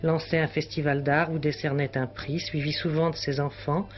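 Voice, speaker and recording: Man narrating an old newsreel, higher voice. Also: flat delivery, normal speed. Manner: lyrical, formal commentary delivery. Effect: old newsreel broadcast sound. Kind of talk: scripted archive newsreel narration. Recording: dull lo-fi old newsreel with music. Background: music.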